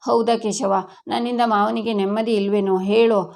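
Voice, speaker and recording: A woman's voice: medium pitch, level tone, moderate pace, vocal fry, a little mellow, close to an everyday voice. Woman reads wounded young daughter-in-law, tearful lines in a serial recap. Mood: hurt. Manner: wounded, complaining.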